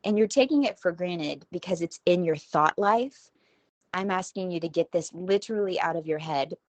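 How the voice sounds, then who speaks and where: Woman, from Texas, 40s, deep voice, casual solo monologue, dry close sound. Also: normal speed, no echo. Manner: chatty, self-deprecating, rambling. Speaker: podcast host. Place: home kitchen.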